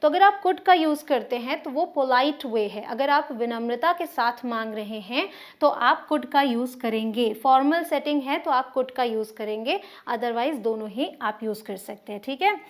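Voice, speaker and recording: Woman, English teacher, high voice, slow deliberate example sentences, mixed-language explanations. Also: expressive. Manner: mixes English phrases into explanations. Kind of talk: spoken English lesson.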